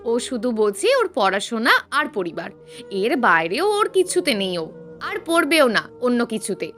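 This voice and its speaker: Woman playing mocking girl friends, goading, high bright voice. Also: sing-song, a little slow, soft background music. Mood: taunting. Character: teasing young female college friends.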